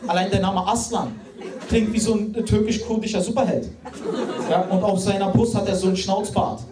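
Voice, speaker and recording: On stage in an echoey hall, a late-20s comedian chats directly with the audience in a steady, high-sitting voice at normal speed, often using fillers and restarting lines. The microphone is distant and laughter comes from the crowd.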